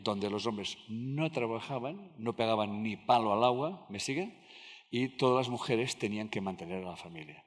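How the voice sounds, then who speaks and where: A man giving a live lecture to an audience, telling anecdotes, acting out dialogues and often checking that listeners follow. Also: medium pitch. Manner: talks with the audience, acts out dialogues, asks "¿me siguen?" often. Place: large lecture hall with audience. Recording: reverberant hall.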